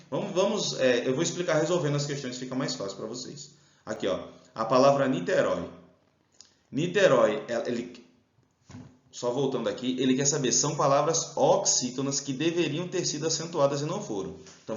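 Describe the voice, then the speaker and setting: A man's voice: mid-range voice, animated, brisk. A Brazilian male teacher works through an exam-prep grammar lesson, explaining each step and drawing out the stressed syllables. His voice sounds roomy and slightly dull. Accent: Brazilian Portuguese.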